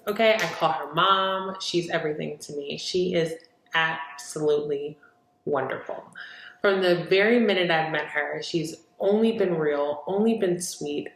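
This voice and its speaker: Gravelly low-voiced woman telling a story. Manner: earnest, heartfelt faith talk. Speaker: vlogger sharing a personal story. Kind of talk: casual storytelling monologue. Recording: echoey room.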